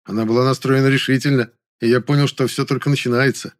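A man's voice: medium pitch, fairly even intonation, quick pace. A man reading a novel aloud in the first person, with a wry, dry delivery. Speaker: audiobook narrator.

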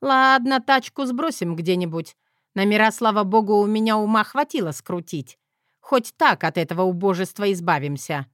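A woman doing a brash, sharp-tongued granny. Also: mid-range voice, lively intonation, moderate pace, no echo, clean studio sound, close to an everyday voice. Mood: sardonic. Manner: scolding, sardonic.

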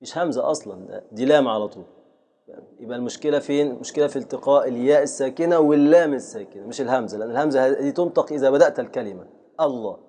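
A man with an Egyptian accent, a sheikh giving a classroom lecture on grammar and patiently repeating each example slowly. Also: mid-range voice, mellow. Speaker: sheikh teaching a grammar text.

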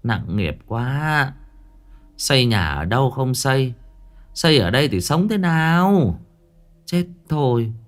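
A man's voice: mid-range voice, sing-song, takes it slowly, pauses often, pitched above the performer's own voice. Guy doing a sad old village granny, sighs a lot. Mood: gloomy. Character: old village woman, gloomy and fatalistic.

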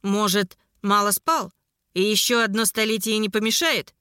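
A woman voicing a calm, ironic male emissary who mocks his rivals in a mentoring tone. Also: medium pitch, normal speed, clean tone, no room sound, studio quality, lightly acted. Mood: mocking. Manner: mocking, mentoring tone. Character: ironic, cool-headed male emissary of darkness.

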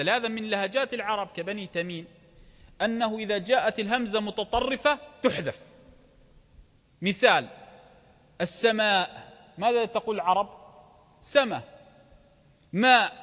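A man's voice: high voice, fairly bright tone. A male preacher giving a lecture on the Quran. He keeps asking his listeners rhetorical questions, answers them himself, and rises with emphasis on key words. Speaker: Islamic preacher. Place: lecture hall with an audience. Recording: long reverb of a lecture hall.

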